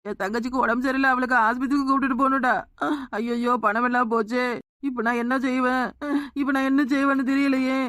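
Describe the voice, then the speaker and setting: A woman with a Tirunelveli Tamil accent voicing a cartoon village woman, talking quickly and lamenting. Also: high-pitched, fairly even intonation, fairly bright tone, dry recording, clean studio sound.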